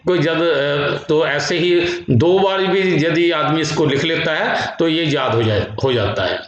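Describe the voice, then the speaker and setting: A man from India teaches a grammar lesson, reciting word forms in a slow singsong drill with a slightly high voice. The sound carries heavy room echo and is muffled and lo-fi. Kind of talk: classroom lecture with recitation. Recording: echoey room, dull lo-fi sound.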